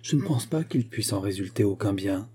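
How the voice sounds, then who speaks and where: A man voicing an anxious, gentle old male bank clerk who pleads in a trembling way. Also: lowish voice, expressive, normal speed, breathy edge. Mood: tender.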